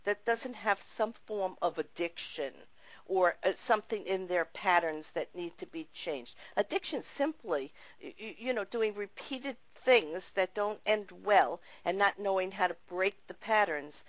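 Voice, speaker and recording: A woman's voice: medium pitch, a little slow, no echo, rough recording. Woman host, earnest and reflective, dry close sound, spiritual interviewer. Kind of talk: interview talk show.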